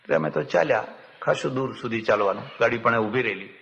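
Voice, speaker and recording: Gujarati swami telling stories in a hall. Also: male voice, medium pitch, fast, creaky, a little hiss or hum. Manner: animated storyteller who acts out the villagers in dialogue. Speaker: swami giving a discourse. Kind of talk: storytelling spiritual discourse. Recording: dull, lo-fi, with long hall reverb.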